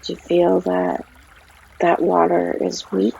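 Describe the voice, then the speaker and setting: In a low, breathy, creaky voice with a completely flat delivery, a yoga guide leads a calming guided meditation. She speaks gently and slowly, pausing at length between phrases. A stream trickles behind her on a slightly dull-sounding recording.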